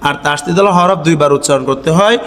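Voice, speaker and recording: A man's voice: a little high, fast talker, a bit bright, in a large hall. A man teaching Quran reading, chanting each letter-by-letter spelling in a sing-song drawl and then asking and answering his own questions. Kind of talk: spelling-out recitation lesson.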